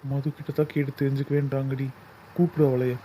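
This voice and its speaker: A middle-aged man playing a worried father who tries to calm everyone. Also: mid-range voice, fast, slight background noise, close to an everyday voice. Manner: anxious, placating. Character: worried, gentle father of the bride.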